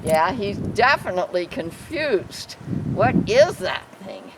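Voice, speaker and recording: Casting note: a woman on her own channel, calm trainer, reassuring animal talk, outdoor pen, faint noise behind. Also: medium pitch, takes it slowly. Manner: soothing repeated reassurances to an animal. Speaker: alpaca trainer and show host. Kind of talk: casual instructional vlog. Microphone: camera mic, handheld at times.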